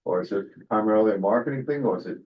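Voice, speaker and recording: Man, board member, deepish voice, hesitant questioner, dull recording. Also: very fast, slight background noise. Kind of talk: questioning at a public meeting.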